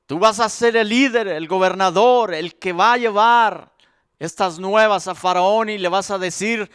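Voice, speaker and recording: A preacher voicing God as a solemn, commanding male deity in a grave, lowered voice during a sermon. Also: unhurried, fairly bright tone, clean tone, no room sound, studio quality.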